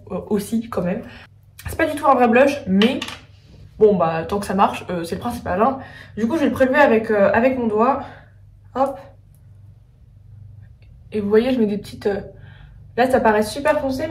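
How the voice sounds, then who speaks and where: A woman's voice: a little high, a little hiss or hum. A woman doing a casual makeup tutorial, chatting as she goes with lots of hesitant fillers. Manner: chatty, frequent filler "euh", thinking aloud. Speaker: beauty vlogger. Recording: echoey room, voice a bit far from mic.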